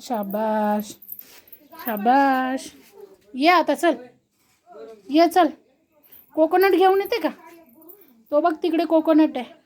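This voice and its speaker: Very high-pitched woman, slow pace, Marathi accent, baby talk, coaxing, repetitive. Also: a little mellow. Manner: coaxing, repeating short phrases. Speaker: parent talking to a toddler.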